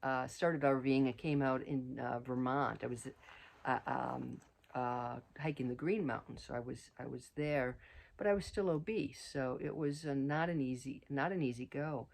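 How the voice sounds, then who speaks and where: A woman's voice: a bass voice, moderate pace, creaky, a little mellow. Middle-aged woman host, casual trail vlog outdoors, rambling delivery with fillers. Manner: rambling, many fillers and restarts. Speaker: vlogger.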